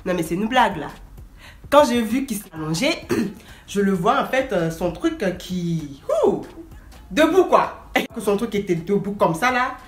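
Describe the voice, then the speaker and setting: A young adult woman telling a story of her travels to camera in an animated, casual way, acting out the dialogue, her voice carrying loudly when she raises it. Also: mid-range voice, a little slow, soft background music. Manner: animated, acts out dialogue and bursts into shouting. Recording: roomy echo.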